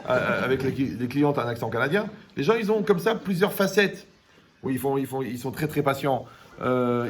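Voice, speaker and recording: A man giving a lively Torah class, joking and asking his audience questions. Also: mid-range voice, a little hiss or hum. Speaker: Torah teacher.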